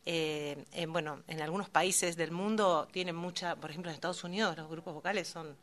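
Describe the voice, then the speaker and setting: A woman's voice: fairly low pitch, steady tone, brisk. A woman, a singer in a vocal group, answering interview questions at length.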